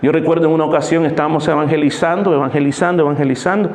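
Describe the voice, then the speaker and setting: A man's voice: fairly high pitch, fairly even intonation, racing, darkish tone, slight background noise. A pastor delivers a sermon. He tells stories and slips into the voices of the people in them as he goes. The sound carries the echo of a church hall. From El Salvador. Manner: storytelling, acts out voices in anecdotes.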